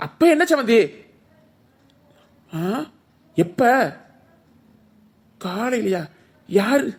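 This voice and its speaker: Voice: mid-range voice, lively intonation, breathy edge, heavily acted. An actor doing a flustered young village husband. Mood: alarmed. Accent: Tirunelveli Tamil. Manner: flustered, quick questions. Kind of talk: cartoon voice acting.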